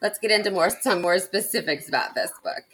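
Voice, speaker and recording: A woman's voice: mid-range voice, lively intonation, a little fast, a bit bright, a little hiss or hum, rough recording. A woman hosting a casual book discussion, recapping the plot with enthusiasm and laughing often. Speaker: book podcast host.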